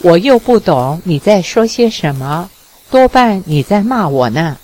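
A woman reading the lines of a shy, guarded young woman in an audiobook, a little higher and bashful. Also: sing-song, a little slow, mellow. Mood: flustered.

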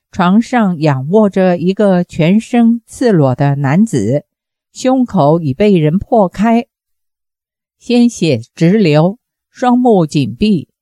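A woman reads a martial-arts novel aloud at a slow, measured pace. Her tone is mellow and on the darker side. The sound is close and dry. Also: medium pitch, dry recording. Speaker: narrator.

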